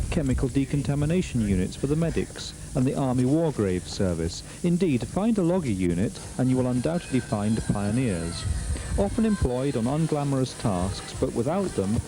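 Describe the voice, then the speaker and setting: A man's voice: mid-range voice, background noise. A man reading scripted narration for a military documentary.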